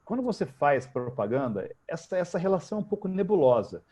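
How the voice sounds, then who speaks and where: A man with a Brazilian Portuguese accent, a guest telling lively, slangy anecdotes in a casual interview. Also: a little high, fairly quick, breathy edge. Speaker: guest, futurist.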